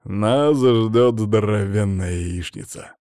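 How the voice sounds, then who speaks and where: A man's voice: medium pitch, sing-song, slow pace, warm tone, no echo, clean studio sound. Man doing a hearty middle-aged dad. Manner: hearty, chuckling. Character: good-natured middle-aged father.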